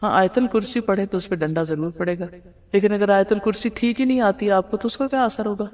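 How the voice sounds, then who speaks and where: A woman's voice: mid-range voice, a little mellow. A woman giving a religious lecture, explaining hadith, asking rhetorical questions and mixing in English words. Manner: mixes English words into her talk. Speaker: Islamic teacher. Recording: long hall reverb.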